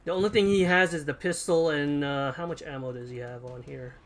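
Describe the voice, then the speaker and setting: A man's voice: a little high, steady tone, fairly quick, fairly bright tone. A man running an online tabletop game as game master, casual and chatty with lots of fillers and laughs.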